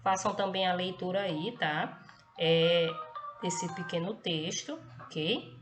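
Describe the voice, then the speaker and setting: A woman's voice: lowish voice, slow pace, over music. A woman teaching a recorded class, explaining step by step and checking in with the students after nearly every phrase. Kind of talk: recorded online class lesson.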